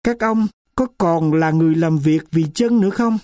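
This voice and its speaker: A man's voice: fairly high pitch, dark tone, no echo, clean studio sound, natural voice. Man reading as a defiant old grandmother. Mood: aggrieved. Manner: pleading then accusing, slow weighty delivery. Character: indignant grandmother near seventy, worn down and defiant.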